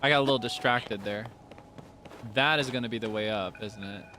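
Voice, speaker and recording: During a gaming livestream, a man who streams as a VTuber chats playfully and casually with his audience over game music. He speaks fairly quickly at a medium pitch.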